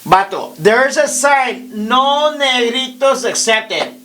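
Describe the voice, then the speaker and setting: A man's voice: extremely high pitch, animated, takes it slowly, bright, forceful tone. A man in his fifties hosting a podcast with casual comic storytelling, profane and rambling, mixing in Spanish slang. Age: 50s. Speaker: podcast host.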